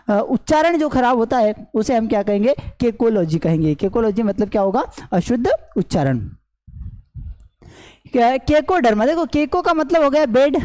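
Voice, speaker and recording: A woman's voice: high voice, dark tone, rough recording. A woman teaching English root words as an online class teacher, explaining each word and then asking and answering her own questions. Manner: repetitive question-and-answer teaching, many fillers. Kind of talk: explaining lesson in Hindi with English terms.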